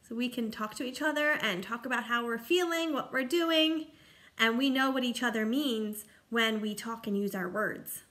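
A woman in her thirties, her voice on the high side, reads to young children from a picture book like a teacher. She's expressive and sing-song and breaks off to ask simple questions.

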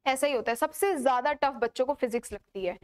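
A woman's voice: high-pitched, quick pace, clean tone. A young woman giving casual, emphatic study advice to students, repeating her points and asking rhetorical questions.

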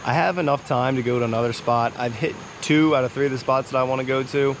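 Talking fast with fairly even intonation, an American man in his thirties chats to viewers while fishing at a small wooded creek. His voice sits in the mid range, and the folksy vlog is captured on an action camera amid insect noise and outdoor ambience.

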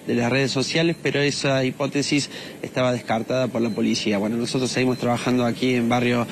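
A man's voice: medium pitch, level tone, fast talker. A man in his thirties with an Argentine accent reporting live and interviewing on a residential street with a handheld microphone. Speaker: field reporter. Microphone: handheld news microphone. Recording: noisy outdoor live broadcast.

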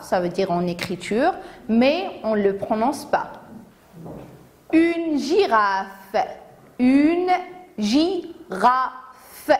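A woman teacher with a Moroccan accent giving a phonics lesson to young children, saying each word slowly, syllable by syllable. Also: medium pitch, darkish tone. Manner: slow, deliberate, syllable by syllable. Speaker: primary school teacher.

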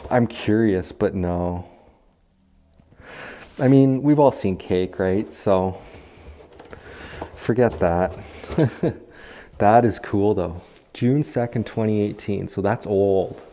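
Male explorer host, low-voiced and slow, wowed by small finds, camera mic in empty rooms. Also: mellow, a little hiss or hum. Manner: chatty, easily amazed, quick laughs. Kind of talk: casual walkthrough commentary. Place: empty abandoned house, indoors.

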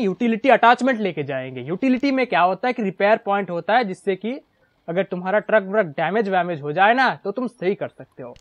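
A young man giving casual, chatty gameplay commentary, full of excited exclamations. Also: sits high. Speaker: gaming YouTuber.

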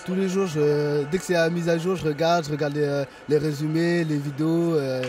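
Hesitant young man, slightly high voice. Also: fairly even intonation, recorded from a distance, noisy background. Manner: hesitant, many pauses. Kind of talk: street interview. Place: outdoors on a city campus. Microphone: handheld mic.

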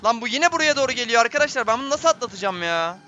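A man's voice: extremely high pitch, animated, rapid-fire, bright, forceful tone, lo-fi sound, a little hiss or hum. A man giving tense, jumpy live commentary on a horror game, talking straight to his viewers. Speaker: gameplay streamer.

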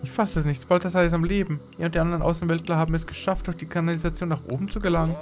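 Man voicing an eager robot sidekick, high and excited, game music under it. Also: racing, close to an everyday voice. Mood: urgent. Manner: excited, emotional, pitch jumps up. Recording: game music playing behind.

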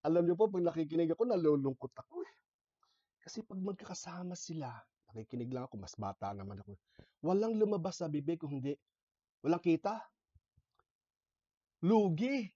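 A man with a slightly high voice tells stories to a gathered community in a lively, conversational way and often checks in with the listeners. The sound is dry and close but a little dull and muffled. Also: fairly quick, no room sound. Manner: conversational, animated storytelling with frequent "no?" and "okay?" asides. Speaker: lay speaker. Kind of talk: inspirational talk with personal stories.

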